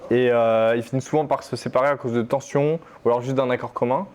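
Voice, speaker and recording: A man's voice: medium pitch, steady tone, fast talker, darkish tone. A man interviewing a rap group, asking questions in a casual, slightly hesitant way.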